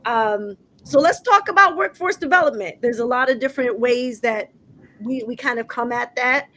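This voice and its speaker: In an indoor room with a group of young people, a woman hosts a community talk show. Her voice is on the high side and her speed normal, and she comes across as warm and affirming, talking conversationally with lots of "um"s.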